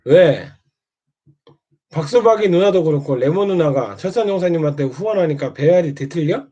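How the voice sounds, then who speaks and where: A man's voice: on the high side, lively intonation, normal speed, warm tone. A man taunting and scolding another streamer in a mocking monologue, prodding again and again with short questions. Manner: needling, keeps prodding with "eh?". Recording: dull lo-fi sound.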